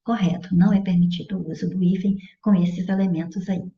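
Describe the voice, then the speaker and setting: A woman's voice: lowish voice, fairly even intonation, brisk. Didactic Brazilian woman teaching grammar. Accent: Brazilian Portuguese. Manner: didactic, checks in with "certo?" and "olha". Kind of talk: explanatory exam-prep lesson. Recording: dull echoey room audio.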